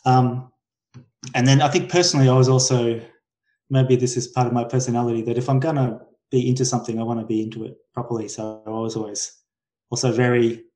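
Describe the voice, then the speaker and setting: Casually interviewed as a podcast guest, a man in his forties from Brisbane with a Queensland Australian accent speaks fast in a mid-range, slightly mellow voice with little pitch movement. He comes across hesitant, often circling back to rephrase, self-correcting, and trailing off.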